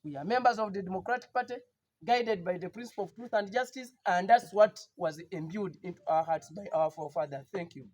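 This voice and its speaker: A man's voice: high-pitched, fairly quick, a little mellow, dull audio. A man with a Ugandan English accent, a party politician giving an emphatic, defiant press statement with repeated rallying lines.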